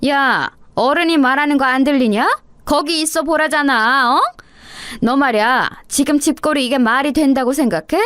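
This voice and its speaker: Brief: woman voicing a bossy older mother-in-law for a radio story, high, contemptuous and shouting, dry close sound. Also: normal speed, dry recording. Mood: scolding.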